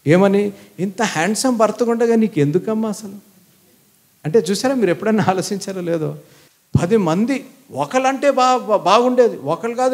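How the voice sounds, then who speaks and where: A male pastor preaching an animated sermon, often mixing in English phrases and speaking directly to the congregation. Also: high voice.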